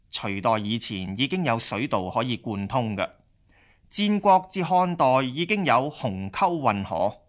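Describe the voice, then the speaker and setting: A man reading a scripted history narration with a steady, explanatory delivery. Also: mid-range voice.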